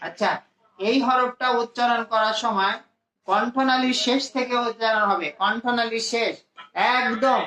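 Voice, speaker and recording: A man from Bangladesh teaching a class to pronounce Arabic letters, slowly repeating each sound for his students. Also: very high-pitched, steady tone, bright, forceful tone. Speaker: Quran teacher. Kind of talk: classroom lesson. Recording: echoey room.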